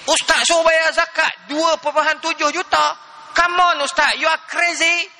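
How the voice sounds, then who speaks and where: A man putting on an arrogant millionaire, bankrupt yet still proud, who scoffs and snaps in bright, sharp bursts. The voice booms back from a large hall. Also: flat delivery, moderate pace, heavily acted. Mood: indignant. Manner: scornful, indignant outbursts. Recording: reverberant hall.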